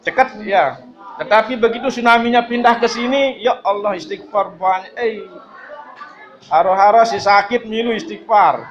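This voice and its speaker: Guy preaching, high voice, jokey and animated, kinda dull lo-fi sound. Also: normal speed. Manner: lively, mixes humor and mimicry of people. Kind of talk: Islamic study sermon. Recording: dull lo-fi recording.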